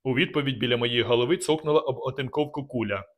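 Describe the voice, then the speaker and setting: A man narrating a first-person adventure novel aloud, reading with dramatic, measured delivery. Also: medium pitch. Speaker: audiobook narrator. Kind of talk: scripted narration.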